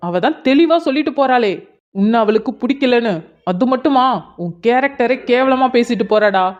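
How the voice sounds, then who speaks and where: நேரடியாகக் கண்டித்தும் ஆறுதல் சொல்லியும் பேசும் விசுவாசமான இளைஞன் நண்பனாக நடிக்கும் ஒருவர்; கார்ட்டூன் நாடகக் குரல். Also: male voice, very high-pitched, normal speed. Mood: scolding. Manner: scolding then soothing, direct. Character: blunt loyal young male friend. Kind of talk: cartoon drama voice acting. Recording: dull lo-fi sound.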